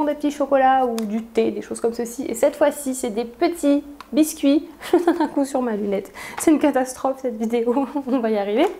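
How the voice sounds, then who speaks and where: A young woman with a fairly high voice chats casually through an unboxing, filling pauses with little hesitations. She laughs easily and keeps an easygoing, conversational flow. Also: mellow. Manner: chatty, laughs often, frequent fillers. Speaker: beauty vlogger.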